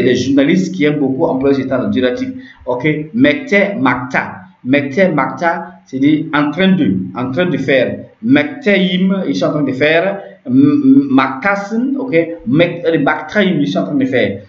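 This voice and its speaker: A man walks through a grammar lesson, repeating each term and pausing to check that his listeners follow. His voice sits at an ordinary middle pitch. The recording is roomy and echoey, with a dull, lo-fi tone. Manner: repetitive, checks understanding with frequent "ok". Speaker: language teacher.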